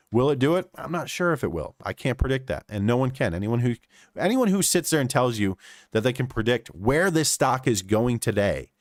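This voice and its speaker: A man's voice: mid-range voice, no echo. Male streamer, live chart commentary, punchy repeated phrases, dry close-mic sound. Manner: animated, repeats phrases for emphasis. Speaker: day trading streamer.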